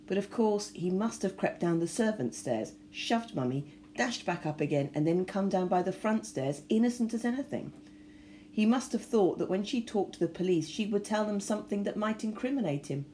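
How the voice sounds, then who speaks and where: A woman reading a novel aloud with expressive storytelling. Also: mid-range voice, a little hiss or hum. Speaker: reader.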